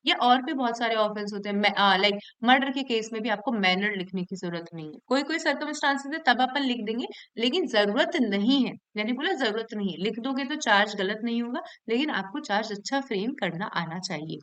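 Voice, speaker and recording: A woman's voice: fairly high pitch, expressive, fairly bright tone, clear, resonant tone, rough recording. A woman teaching law to a class, explaining points by repeating them and quizzing her students. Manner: explains by repeating herself and asking the class questions; reads statute text aloud slowly. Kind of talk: classroom lecture.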